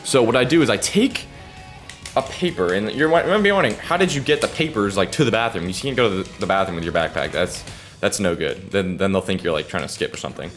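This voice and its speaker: A teenage guy tells a long, animated story while he plays a fighting game, and his pitch leaps up and down as he talks. His voice sits slightly low for a man. He keeps breaking off to mutter at opponents, with faint music behind him. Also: quick pace. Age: teens. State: keeping voice down so his sleeping father won't hear. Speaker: gaming video creator.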